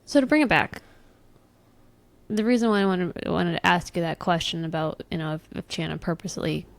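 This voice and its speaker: A woman's voice: lowish voice, fairly quick, creaky. A woman co-hosting a podcast in casual chat, thinking aloud and correcting herself as she goes. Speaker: podcast co-host.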